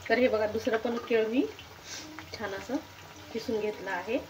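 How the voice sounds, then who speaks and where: A woman's voice: a little high, steady tone, moderate pace, background noise. Marathi woman demonstrating a home recipe. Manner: homely, instructive, repeats "तर हे बघा". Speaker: cooking channel host.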